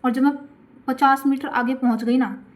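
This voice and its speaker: A woman's voice: sits high, normal speed. A chatty woman from India telling a dramatic storytime about her school days, repeating herself for effect. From Gurugram, India. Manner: animated, repeats questions. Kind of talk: storytime vlog.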